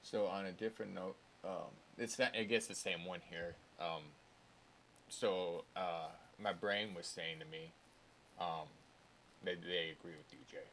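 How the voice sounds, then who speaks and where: A man's voice: sits low, steady tone, unhurried, a bit bright. A man speaking in a roleplay meeting, hesitant and full of ums. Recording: faint hiss.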